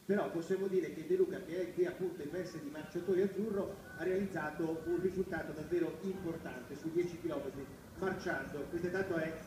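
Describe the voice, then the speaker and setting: A man's voice: on the high side, fairly even intonation, brisk. A man commentating live on a running race and putting questions to guests as an interviewer. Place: outdoor commentary table at a sports field. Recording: very echoey, distant, crowd noise, filmed off television. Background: crowd.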